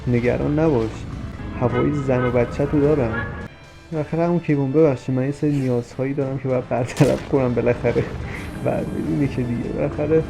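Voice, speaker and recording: A young man giving comic commentary while he plays a game. He talks to the characters on screen and jumps from mock soothing to sudden shouting. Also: medium pitch, fairly even intonation, creaky, low-quality recording. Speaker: gameplay commentator. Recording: game music under the voice. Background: game music.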